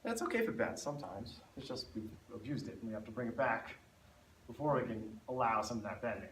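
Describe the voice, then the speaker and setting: A man's voice: medium pitch, fast, a bit bright. Man coaching a spine class in an echoey room. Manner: explanatory, demonstrating while talking. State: out of breath. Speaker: instructor. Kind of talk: fitness class instruction. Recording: echoey room, mic far off, faint noise.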